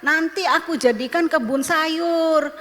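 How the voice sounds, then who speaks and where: A woman's voice: high-pitched, unhurried, a bit bright, in a large hall. A woman voicing a sulky, greedy male king who coaxes and bargains, in a Sunday school story. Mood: coaxing. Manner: coaxing, bargaining.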